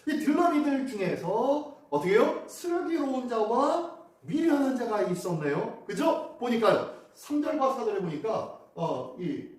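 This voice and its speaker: Male pastor, sermon, animated questioning delivery, booming church echo, mic at a distance. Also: unhurried. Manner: animated, asks the congregation questions. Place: church sanctuary.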